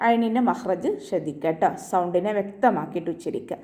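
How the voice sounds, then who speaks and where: Woman teaching Quranic recitation. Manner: patient step-by-step instruction, softly ending phrases with "ട്ടോ"; chants verses slowly in a drawn-out, higher recitation voice. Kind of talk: online tajweed lesson.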